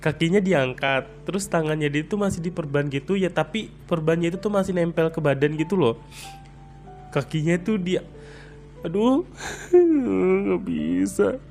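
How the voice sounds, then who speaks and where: A man's voice: fairly high pitch, brisk, a little mellow, soft background music. A young man telling a personal story in a chatty, rambling way, full of fillers.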